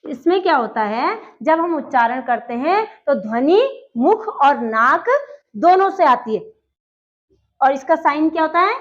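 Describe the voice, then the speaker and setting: High-pitched lady teacher going through grammar step by step, asks then answers, kinda muffled lo-fi sound. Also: animated, unhurried. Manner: explains step by step, asks questions and answers them. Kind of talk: classroom grammar lesson. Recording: dull lo-fi recording.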